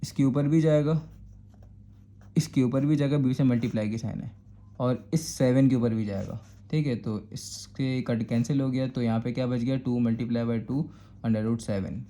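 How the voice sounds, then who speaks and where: A man's voice: medium pitch, fairly even intonation, moderate pace, mellow. A man with a Karachi Urdu accent teaching a step-by-step math lesson, patiently repeating "thik hai" to check that students follow. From Pakistan.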